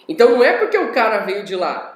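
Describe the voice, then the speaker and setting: A man's voice: high voice, sing-song, quick pace, roomy sound. A man teaching a recorded class lecture in a conversational way, often checking in with tag questions.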